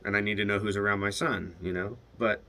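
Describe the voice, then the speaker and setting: A man's voice: lowish voice, steady tone, fast, pushed and bright. A young man telling a video diary about a hard phone call, hesitant and swearing when upset. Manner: retells phone calls, quoting both sides. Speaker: video diarist. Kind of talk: casual confessional monologue.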